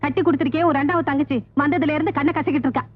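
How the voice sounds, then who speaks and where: A woman plays a protective village mother who scolds her children, with a high, fast voice. The recording is thin and phone-like, with music clearly underneath. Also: steady tone, close to an everyday voice. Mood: scolding. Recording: tinny lo-fi film soundtrack with music.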